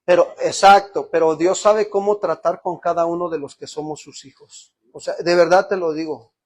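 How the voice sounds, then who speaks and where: A Mexican pastor with a somewhat husky, raised-pitch voice preaches to his congregation. He tells a story and climbs to emotional peaks. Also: steady tone, moderate pace, a little mellow. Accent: Mexican Spanish. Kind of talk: sermon.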